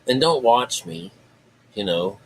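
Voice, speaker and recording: A man's voice: mid-range voice, sing-song, slow pace, vocal fry, a little hiss or hum, rough recording. Rambling, casual man talking straight to viewers. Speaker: host teaching a spiritual lesson. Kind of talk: casual off-the-cuff talk.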